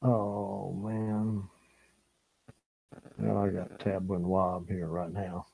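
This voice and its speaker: A man's voice: low-pitched, completely flat delivery, extremely slow, gravelly, mellow, breathy edge, rough recording. A man hosting a fishing channel live stream, chatting casually with viewers and reading their comments, rambling and chuckling as he talks. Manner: rambling and chuckling, reads chat comments aloud. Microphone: small camera mic or lapel.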